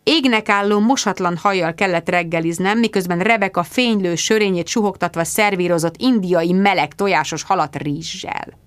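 Female audiobook narrator, expressive first-person voice, dry booth sound. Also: lowish voice, clean tone, no room sound. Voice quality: lively, expressive reading.

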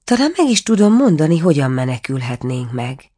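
A plaintive, pleading owl princess under a spell, put on by a woman reading a storybook. She speaks a little higher and livelier than plain narration, in a low-set voice. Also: big pitch swings, warm tone, husky, heavily acted. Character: enchanted princess turned owl, sorrowful.

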